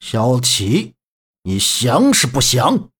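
Narrator playing a commanding general, low, slow and husky. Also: wildly swooping pitch, a bit bright, exaggerated voice. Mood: stern. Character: stern righteous male general, commanding.

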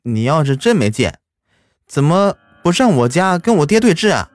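A man's voice: big pitch swings, normal speed, no echo, studio quality. A man doing a blunt ten-year-old boy. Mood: insistent. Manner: high, pleading, insistent.

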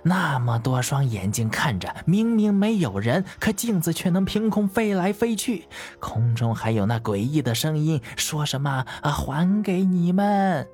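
A woman's voice: big pitch swings, unhurried, hardly any pauses, a little mellow. A woman voicing a grieving elderly noblewoman who wails and pleads through tears in an audio drama. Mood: accusing. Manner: wailing, high-strung pleading.

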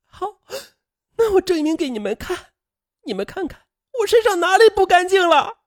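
Voicing a desperate young woman in a told story, a man pushes his voice very high, well above his natural pitch, screaming and pleading hysterically. The delivery is very animated at a moderate pace, recorded cleanly in a studio with no room sound.

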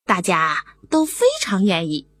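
Expressive woman reading a bedtime story. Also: fairly low pitch, a little slow, slightly rough, dry recording. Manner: expressive, animated. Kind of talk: children's bedtime story narration. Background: background music.

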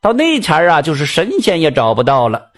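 A storyteller puts on a cunning swindler fortune-teller with a broad Northeastern Mandarin accent, all bluster and theatrics. The voice sits a little high and jumps around. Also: male voice, huge pitch swings, a little fast. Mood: mock solemn. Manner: theatrical, switches from panicky wails to stern bluster. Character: sly old swindler fortune-teller, crafty fake soothsayer.

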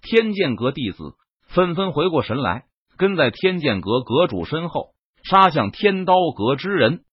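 Guy reading a fantasy web novel, pitch jumps all over, husky, dry dull lo-fi sound. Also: a little slow, dry recording. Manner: expressive storytelling. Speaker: audiobook narrator. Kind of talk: dramatic web novel narration.

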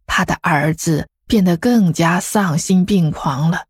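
Woman narrating a story, husky. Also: lowish voice, a little slow, no echo, clean studio sound. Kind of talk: scripted narration.

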